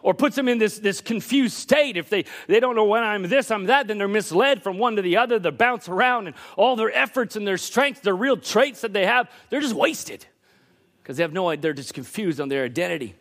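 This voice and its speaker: A high-pitched man preaching to a congregation, his voice leaping up and down as he presses each point. He moves between quick conversational asides and sudden shouted emphasis, speaking from the pulpit during a church service. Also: lively intonation. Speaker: pastor. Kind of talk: sermon.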